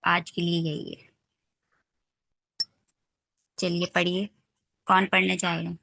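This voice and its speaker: A woman's voice: lowish voice, level tone, slow, vocal fry, sharp tone, no echo. A woman teaching children Quran pronunciation in an online class, patient and often checking that they understand.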